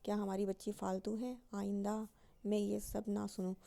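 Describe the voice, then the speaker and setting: A woman's voice: mid-range voice, level tone, gravelly, mellow, natural voice. A woman reading aloud and voicing a fond but commanding grandmother who scolds with authority.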